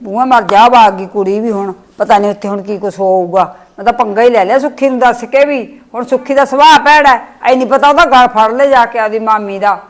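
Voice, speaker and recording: A woman's voice: a little high, fairly even intonation, brisk, few pauses. Aggrieved mother. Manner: aggrieved, pleading. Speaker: mother in a family skit. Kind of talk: village family drama acting.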